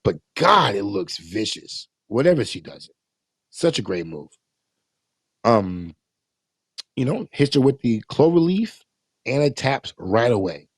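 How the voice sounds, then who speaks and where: A man casually recapping and reviewing a wrestling show, animated, swearing freely and acting out quotes. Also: mid-range voice, measured pace, pauses often, no room sound, studio quality.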